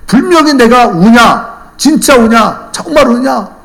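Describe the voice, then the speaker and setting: A woman's voice: fairly low pitch, sing-song, fast, voice pushed up. A man voicing an earnest older countrywoman, a church deaconess, who presses her questions insistently. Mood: indignant.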